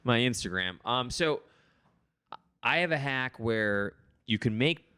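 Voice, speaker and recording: A man in his early thirties chatting on a comedy podcast, his voice at a mid pitch that swings widely as he jokes. The sound is dry and close, with little room. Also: expressive, a little slow, pushed and bright, clean tone, no room sound. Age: 30s. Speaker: podcast co-host. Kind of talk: casual chat.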